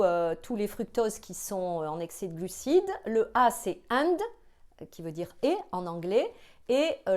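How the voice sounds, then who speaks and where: A woman's voice: fairly high pitch, darkish tone. A woman hosting her own video, explaining a diet topic in a casual, hesitant way with many filler sounds and restarts. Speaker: psychologist and video host. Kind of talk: casual explanatory talk to camera.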